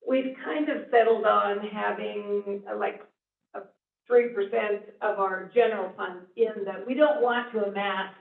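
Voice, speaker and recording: At a school board meeting, the district's finance officer, a woman, walks through her report in plain, filler-laced speech as she thinks out loud. She speaks in a steady, creaky, medium-pitched voice at a measured pace, heard from a distance in an echoey room over a thin lo-fi line.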